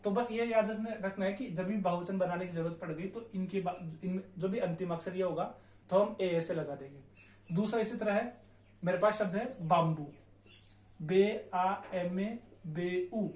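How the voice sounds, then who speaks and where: A young man with a fairly high voice teaches a language lesson with a light Rajasthani Hindi accent. He spells words out slowly and checks in with his students again and again. The room around him sounds echoey and bare. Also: a little mellow. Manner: repetitive, checks in often with "theek hai". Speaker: Spanish teacher. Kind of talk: classroom-style language lesson.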